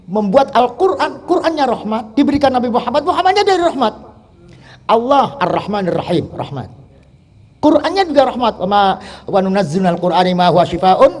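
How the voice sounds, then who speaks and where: Animated husky male preacher. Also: high-pitched. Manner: animated, repeatedly asking the audience if they understand. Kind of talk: sermon.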